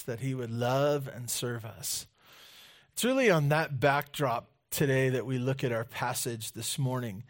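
A man preaching a sermon into a pulpit microphone in a church, speaking earnestly and reading scripture aloud. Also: on the high side. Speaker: pastor. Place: church sanctuary.

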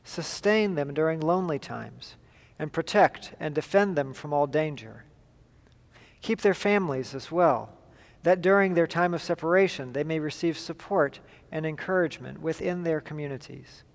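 A man leading liturgical prayer as a pastor, in a solemn, measured and formal way, with a long cathedral-like echo. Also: a little high, animated, vocal fry. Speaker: pastor leading a church service. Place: large reverberant church.

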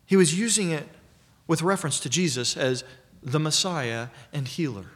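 Man, preacher, expository sermon, measured and emphatic, slightly high voice. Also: lively intonation, a bit bright. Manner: measured, emphatic teaching delivery.

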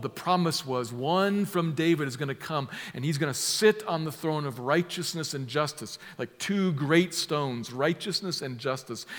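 A man preaching a sermon, drawing listeners into vivid scenes, moving from hushed asides to loud emphatic lines. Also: on the high side, in a large hall. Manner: emphatic, builds from soft to loud with vivid imagery.

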